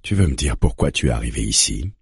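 A calm, gentle psychologist asking patient questions, played by a man. The voice drops lower than the reader's own very deep, husky tone and is heard dry and close. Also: fast, no echo, exaggerated voice. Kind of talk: audiobook dialogue reading.

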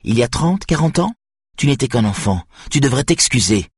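Man voicing a strident wife, insistent, husky tone, dry close sound. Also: medium pitch, very animated, normal speed, no echo, voice pushed up. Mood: shrill, scolding. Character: shrill impatient wife, middle-aged woman, sharp-tongued.

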